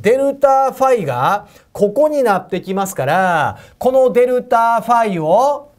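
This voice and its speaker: A man with an Osaka accent teaching exam physics in a lecture, chatty and joking, often asking his viewers questions. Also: very high-pitched. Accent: Osaka Japanese. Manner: chatty, asks viewers questions, laughs at own jokes. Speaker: prep school physics teacher. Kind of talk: whiteboard lecture to camera.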